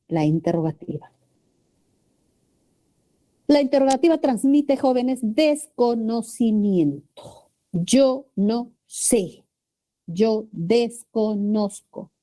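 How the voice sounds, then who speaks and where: A woman's voice: on the high side, dark tone. A woman teacher with a Peruvian Spanish accent, giving a classroom lecture and checking in with her students often. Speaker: language teacher.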